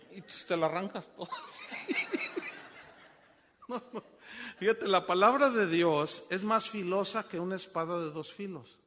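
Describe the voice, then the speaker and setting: A male pastor with a Mexican Spanish accent preaching a sermon in an animated way, swinging from loud exclamations to soft asides. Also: high voice. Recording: long hall reverb.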